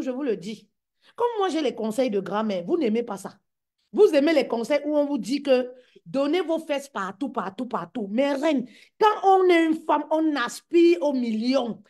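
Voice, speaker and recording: A woman with a bright, high voice coaching female entrepreneurs. She preaches in an emphatic, repetitive way, hammering each point home and calling her listeners queens and mama. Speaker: business coach. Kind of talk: motivational talk to women.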